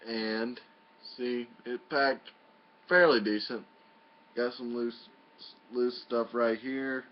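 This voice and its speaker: A man's voice: medium pitch, steady tone, takes it slowly. A man giving a casual, folksy and mildly profane review in a home video. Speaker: product reviewer. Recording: muffled lo-fi home video audio.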